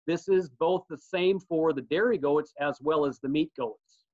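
A man's voice: a little high, measured pace. Man teaching over a dull webcam line. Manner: relaxed, practical advice with many ums. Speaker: extension instructor. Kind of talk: online slideshow lesson. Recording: dull lo-fi audio.

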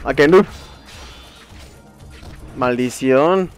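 A young man with a Mexican accent giving casual commentary while playing a video game, swearing and shouting in frustration. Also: mid-range voice, drawn-out words, clean tone. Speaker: gameplay streamer. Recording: faint game music behind.

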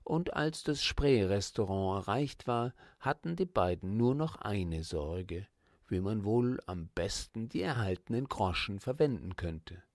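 Slow, measured male audiobook narrator. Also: on the low side, dry recording, clean studio sound. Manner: calm, measured reading. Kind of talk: storybook reading.

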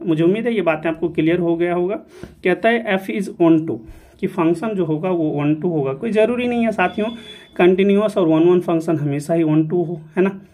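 A fairly high-pitched man with an Indian accent teaches an exam-prep maths lesson. He explains each step patiently, repeats the key result several times and checks that his listeners follow. He switches into English for the technical terms. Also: a little mellow.

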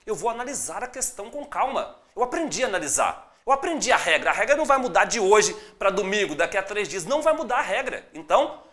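A teacher with a Brazilian accent giving a live online exam-prep lesson. Upbeat and encouraging, greets viewers by name and spells out syllables slowly. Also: medium pitch, a bit bright. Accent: Brazilian Portuguese.

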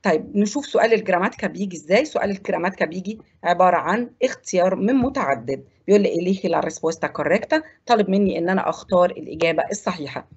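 Husky Egyptian woman teaching Spanish. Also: on the low side, lively intonation, highs cut off. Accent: Egyptian Arabic. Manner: explains step by step, repeats words slowly for pronunciation. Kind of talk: televised classroom lesson.

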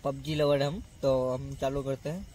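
Stubborn young gamer in a noisy camp. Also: male voice, mid-range voice, steady tone, measured pace. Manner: stubborn, absorbed in a mobile game. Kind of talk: casual chat with friends. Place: campsite outdoors at night.

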